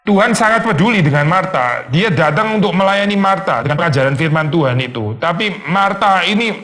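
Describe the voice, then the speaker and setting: A man's voice: high-pitched, lively intonation, brisk, fairly bright tone. A male pastor giving a conversational sermon, teaching with rhetorical questions, slipping in English phrases and acting out complaining voices.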